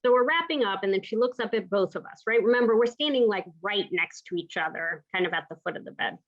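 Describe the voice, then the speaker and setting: Animated and quick, with a medium-pitched voice on a lo-fi recording, a Pacific Northwest palliative care clinician from the United States tells a thoughtful story from practice in a lecture, regularly checking in with "right?".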